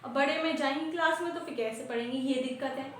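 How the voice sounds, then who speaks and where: A woman's voice: quick pace, fairly bright tone, a little hiss or hum. A woman playing a weary female schoolteacher who chats and complains about her workload. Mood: complaining. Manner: chatty, complaining, sighs into low trailing remarks. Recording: very echoey room.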